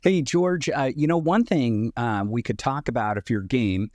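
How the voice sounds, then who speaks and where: A man's voice: medium pitch, normal speed, a little mellow, dry recording, studio quality. A man hosting an interview show, an enthusiastic interviewer who often affirms his guest and laughs. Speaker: podcast host. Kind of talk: interview chat.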